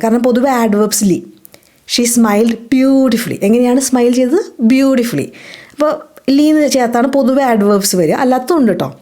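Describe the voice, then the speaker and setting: Malayali lady teaching english, kinda high voice, soft mellow sound, says the example sentences real slow. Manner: explains, asks questions and answers them herself. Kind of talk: spoken English lesson.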